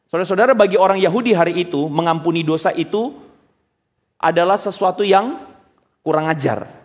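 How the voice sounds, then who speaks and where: A man preaching a sermon in an animated way, full of rhetorical questions and casual slang, in a church hall. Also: high-pitched, brisk. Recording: long hall reverb.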